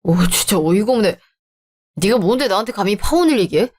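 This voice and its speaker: A woman's voice: mid-range voice, expressive, a little fast, a little mellow, natural voice. A woman voicing an arrogant, controlling young man who talks down to his fiancée, as part of a radio drama reading. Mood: scornful. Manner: condescending, bullying. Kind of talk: Korean story-channel radio drama reading.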